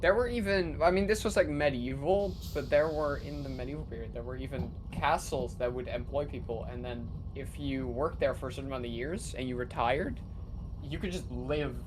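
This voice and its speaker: A man's voice: mid-range voice, fairly quick, background noise. A man chatting casually with friends on a game stream, laughing often and reading facts aloud.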